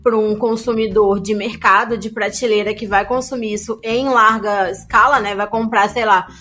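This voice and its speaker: A woman's voice: medium pitch, fairly even intonation, normal speed, bright, forceful tone. A woman co-host with a Brazilian Portuguese accent, chatting casually and making emphatic points. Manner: emphatic, checks in with listeners. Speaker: podcast co-host. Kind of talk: casual chat.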